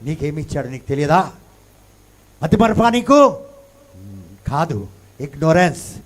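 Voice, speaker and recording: A male pastor delivers a sermon in a high, ringing voice. He piles up rhetorical questions, dropping to a hush and then rising loud again, and slips English phrases into his preaching. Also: very animated, unhurried. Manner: dramatic rhetorical questions, swings from hushed to loud.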